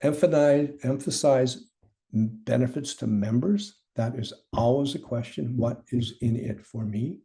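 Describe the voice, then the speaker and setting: A man's voice: mid-range voice, unhurried, gravelly, dark tone. A man, a chief negotiator, giving a panel presentation, earnestly repeating key points with some stumbles.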